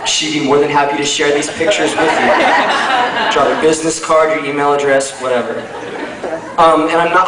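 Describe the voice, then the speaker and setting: Wedding toast speaker: young male, informal comic storyteller, distant mic, very roomy sound. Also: mid-range voice. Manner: conversational, teasing, informal. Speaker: wedding speaker, friend of the groom. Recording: echoey room, far from mic, noisy.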